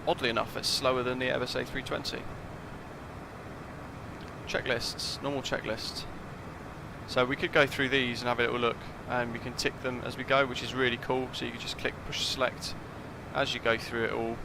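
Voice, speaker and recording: Man streamer, gravelly voice, chatty, thinks aloud, noisy background. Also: medium pitch, little pitch movement, normal speed. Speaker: flight sim streamer. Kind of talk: casual live-stream commentary.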